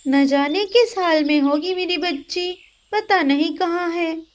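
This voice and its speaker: A woman's voice: very high-pitched, unhurried. A woman voicing a sympathetic parrot neighbor in a cartoon. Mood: concerned.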